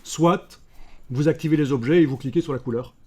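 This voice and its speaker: A man with a Belgian French accent teaching a live software class, breaking up the steps with joking asides to his students. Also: a little high, a little fast, slight background noise.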